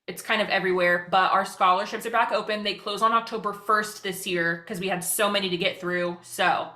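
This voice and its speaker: Bright, rapid-fire woman presenting a webinar. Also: mid-range voice, fairly even intonation. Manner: very fast, rapid-fire talking; chatty, self-deprecating asides. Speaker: social media educator presenting a webinar. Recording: roomy, echoing sound.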